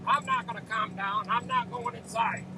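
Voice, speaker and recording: A man voicing an irate, swearing older male neighbor who refuses to calm down. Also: very high voice, normal speed, noisy background, pitched above the performer's own voice. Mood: furious. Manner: angry, swearing, stubborn.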